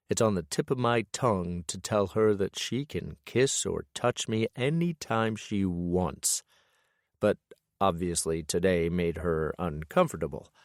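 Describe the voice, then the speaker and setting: Male audiobook narrator, low voice, close dry studio sound, steady first-person storytelling. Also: no room sound.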